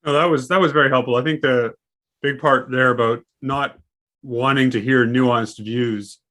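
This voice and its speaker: Man with medium pitch, conversational response. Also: fairly even intonation, moderate pace, a bit bright. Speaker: discussion participant. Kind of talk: conversational response in an online discussion.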